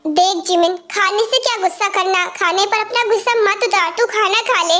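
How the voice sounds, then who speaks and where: A woman's voice: extremely high pitch, moderate pace, sharp tone, faint music behind. A woman dubbing a firm but caring older sister in an amateur fan dub, scolding and bossy toward her sibling. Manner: scolding then soothing, bossy.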